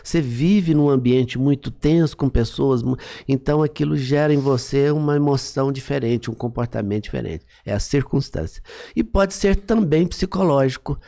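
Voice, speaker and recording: Gravelly, dark-voiced man explaining patiently. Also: mid-range voice, moderate pace. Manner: didactic, often checks understanding with "entendeu?". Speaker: psychologist guest. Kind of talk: explanatory podcast talk.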